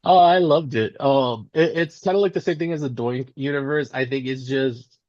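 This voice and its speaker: A man with a mid-pitched voice talks casually as an interview guest. He rambles enthusiastically and slips into quoted asides. The sound is dry and a little dull. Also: normal speed, darkish tone, no room sound. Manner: rambling storytelling, acting out imagined quotes. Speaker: independent pro wrestler being interviewed.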